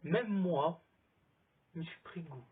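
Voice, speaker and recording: A man's voice: on the high side, takes it slowly, breathy edge. A man vlogging in a casual, rambling chat, filming himself on a phone outdoors. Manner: rambling, chatty recommendations. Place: outdoors in sunlight. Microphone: phone camera. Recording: thin phone-like sound.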